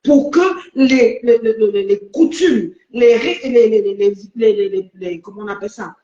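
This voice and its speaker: A woman's voice: on the high side, normal speed, warm tone, slight background noise. A woman interviewee who insists on her point, repeats herself and stumbles over her words. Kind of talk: heated casual debate. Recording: roomy, dull sound.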